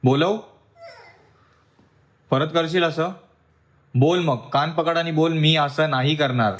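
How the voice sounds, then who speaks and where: A man's voice: on the high side, takes it slowly. Stern man scolding a child at home. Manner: stern, lecturing, mixes in English words. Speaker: family vlogger and father. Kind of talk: home vlog, scolding a toddler. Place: at home indoors.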